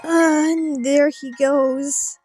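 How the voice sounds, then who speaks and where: A woman's voice: high voice, fairly even intonation, very slow, a little mellow, faint music behind. A woman playing through a story game, reading the dialogue aloud theatrically with casual asides. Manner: theatrical, acting out character lines. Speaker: let's play streamer.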